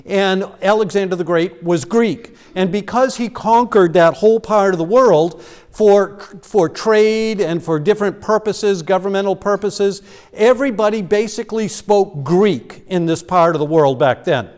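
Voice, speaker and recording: In a church sanctuary, a pastor with a notably high voice preaches, unpacking scripture casually and sometimes stumbling and starting over. His slightly slow, slightly mellow voice echoes through a long hall reverb.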